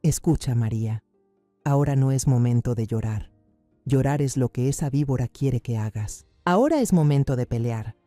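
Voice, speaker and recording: Man doing a older woman baker, fierce, loyal, determined, dark tone, dry sound. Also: medium pitch, lively intonation, moderate pace, dry recording, soft background music, natural voice. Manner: forceful, determined, commanding.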